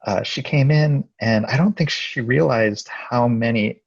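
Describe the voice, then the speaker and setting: A soft-spoken man on a panel, answering haltingly with many pauses and fillers. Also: medium pitch, creaky, husky, no room sound, dull audio. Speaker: supervising animator.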